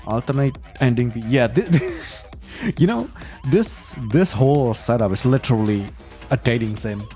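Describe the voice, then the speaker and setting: A man's voice: medium pitch, lively intonation, measured pace, warm tone, faint music behind. A young man streaming a game, giving laid-back reaction commentary with chuckling asides.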